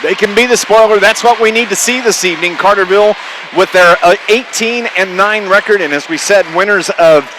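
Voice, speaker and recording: Bouncing basketballs and gymnasium ambience fill a noisy live gym broadcast as a man with a high voice does fairly quick radio play-by-play of the game. His calls come in clipped running phrases.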